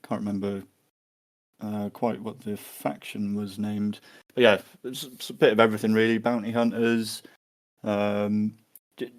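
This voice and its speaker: Flat-voiced hesitant man, low pitch. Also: unhurried. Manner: hesitant, lots of fillers and restarts. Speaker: guest. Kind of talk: podcast interview answers.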